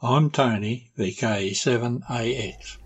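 A man's voice: medium pitch, slow pace, muffled recording, slight background noise. An Australian man reading a scripted broadcast announcement as a station announcer.

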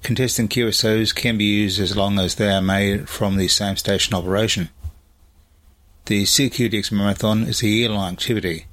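A man with a fairly low voice presents operational news. He reads from a script in the format of a radio bulletin. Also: steady tone, moderate pace, a bit bright.

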